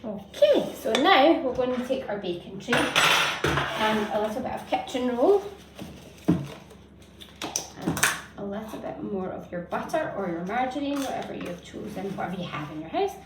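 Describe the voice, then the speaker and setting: A woman with a fairly high, very animated voice speaking at normal speed leads a baking demonstration for children, giving simple, encouraging steps. Recorded on a distant mic in a home kitchen, the audio is echoey and noisy, with utensils clattering.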